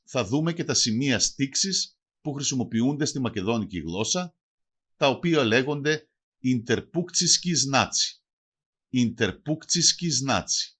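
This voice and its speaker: A man's voice: mid-range voice, a bit bright. A man giving a scripted language lesson. He speaks carefully and says each example word twice before translating it. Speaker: language teacher.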